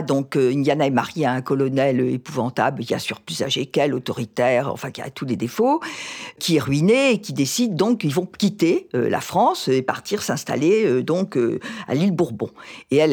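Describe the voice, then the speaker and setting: A woman's voice: very deep voice, a little mellow, slightly rough. A woman guest on an interview, explaining a novel and its history fluently with frequent hesitations. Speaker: guest literary expert. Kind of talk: radio interview, explaining literature.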